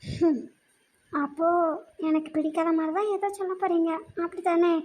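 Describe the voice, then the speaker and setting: A woman voicing an anxious, tearful young woman student in a cartoon, fretful and quick to argue. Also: very high voice, fairly even intonation, darkish tone. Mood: upset, sulky. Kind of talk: cartoon voice acting.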